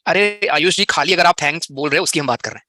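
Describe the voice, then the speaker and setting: A young man with an Indian accent teaches English grammar in a live online class, mixing Hindi with English terms. He talks quickly in a high, bright voice. The sound is close and dry, with no room around it. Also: no echo. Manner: chatty, explains in Hindi with English terms, answers students' chat questions.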